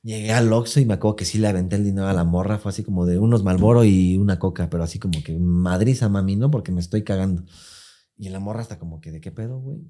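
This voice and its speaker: A man's voice: low voice, rapid-fire, hardly any pauses, warm tone. A young man with a Mexican accent telling a personal story in casual podcast chat, full of swearing and slang fillers. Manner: profane, slangy storytelling with many filler words. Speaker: podcast host.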